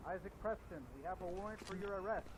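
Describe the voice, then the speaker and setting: A man voicing a police officer who makes a stern, formal arrest warning through a bullhorn, heard from far off over loud game noise. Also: high-pitched, fairly even intonation, fast. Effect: police bullhorn loudspeaker.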